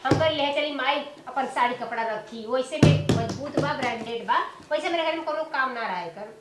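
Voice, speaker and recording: A woman's voice: high-pitched, moderate pace. A woman with an Awadhi accent acting in a comedy skit as a boastful daughter who talks down to her village family. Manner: boastful, teasing, rustic dialect. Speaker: daughter visiting her parents with her rich husband. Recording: echoey room with faint noise.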